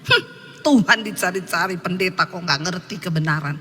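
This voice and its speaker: A woman preacher voicing a mocking drunk man in a sermon story, her voice dropped low and sneering, recorded with long reverb and faint ambience. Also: normal speed, sharp tone, slight background noise. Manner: sneering, then caught off guard.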